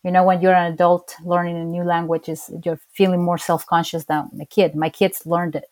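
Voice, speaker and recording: Fairly low-pitched and darkish in tone, her voice barely moves in pitch, and her pace is brisk. She's an interviewee from Chile, a native Spanish speaker with a strong Chilean accent, who tells stories in relaxed conversation, often laughing and starting sentences over.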